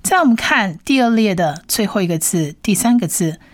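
Woman teaching, animated pitch, dry sound. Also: dry recording. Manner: patient, repeats each sound slowly several times. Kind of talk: language lesson.

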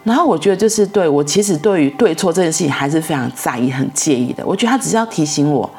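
A woman's voice: low-pitched, lively intonation, fast, mellow, soft background music. A middle-aged woman, telling a story in a casual, rambling way and repeating herself as she goes. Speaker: vlogger.

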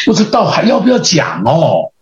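A male pastor with a Taiwanese Mandarin accent, preaching through lively stories and acting out the dialogue. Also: fairly high pitch, normal speed, noisy background. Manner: lively anecdotal, acts out dialogue. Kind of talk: storytelling sermon. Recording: roomy, slightly dull podcast audio.

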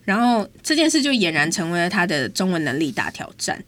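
Fast, animated woman. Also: on the low side. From Taiwan. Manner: animated, exasperated storytelling. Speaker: host. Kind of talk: casual storytelling chat.

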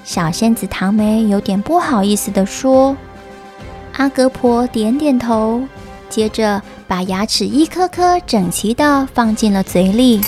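A woman narrating a scripted children's story in an expressive, careful storytelling manner. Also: fairly high pitch.

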